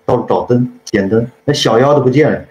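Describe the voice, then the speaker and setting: A man's voice: mid-range voice, fast, a little mellow. A man casually retelling a classic story as a channel host, rambling and often correcting himself while checking in with the listener. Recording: roomy, dull lo-fi sound.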